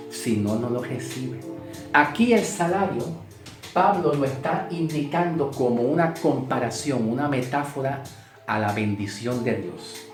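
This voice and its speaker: A man teaching a Bible sermon, emphatic, repeating key words and asking rhetorical questions. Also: mid-range voice. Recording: echoey room with guitar music. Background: guitar music.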